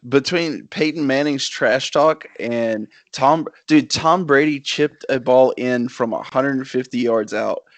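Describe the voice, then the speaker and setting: A man's voice: medium pitch, takes it slowly, few pauses, no room sound. A young man co-hosting a podcast, eagerly telling sports stories in casual chat. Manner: eager storyteller, laughs between lines. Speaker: podcast co-host.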